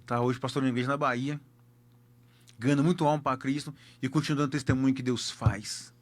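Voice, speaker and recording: A man's voice: medium pitch, steady tone, a little fast. A man with a Brazilian accent, a pastor telling a personal testimony emphatically and repeating key words for effect.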